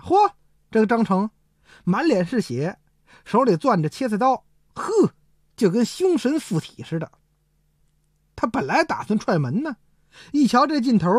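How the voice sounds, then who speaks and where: A woman telling a traditional story in a lively, rhythmic way. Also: mid-range voice, no room sound, clean studio sound.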